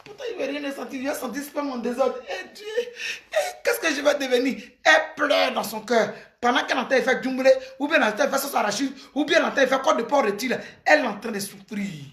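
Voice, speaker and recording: A high-pitched, bright-toned woman speaks emphatically, preaching advice at her listeners. She sounds middle-aged and forceful in delivery. The recording sits in an echoey room. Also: quick pace, few pauses. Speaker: commentator giving advice. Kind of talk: impassioned advice monologue.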